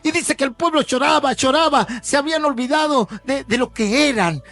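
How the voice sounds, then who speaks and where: Pastor, male, crisp and high-pitched, conversational but emphatic church sermon. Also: fairly quick, fairly bright tone, faint music behind.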